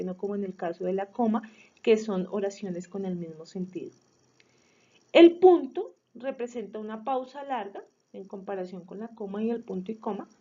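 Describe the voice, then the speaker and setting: A woman walks through grammar rules in a measured, explanatory way, pausing on fillers now and then. Her voice sits a little high but sounds mellow. The recording is dull and lo-fi. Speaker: student presenting a review video.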